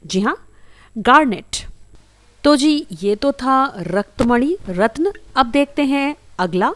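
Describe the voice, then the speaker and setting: Taking it slowly, a high-pitched woman with lively intonation teaches English vocabulary: she says each word, spells it out letter by letter and says it again. The recording has no echo.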